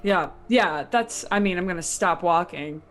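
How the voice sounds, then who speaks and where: A woman's voice: lowish voice, normal speed. A woman chatting casually as a player in a tabletop role-playing game, with music behind her. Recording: music under the voice.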